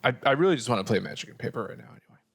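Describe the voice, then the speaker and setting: A man's voice: medium pitch, expressive, very fast, gravelly, a bit bright, husky. A man co-hosting and moderating a podcast, chatting casually with playful, teasing banter. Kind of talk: casual chat.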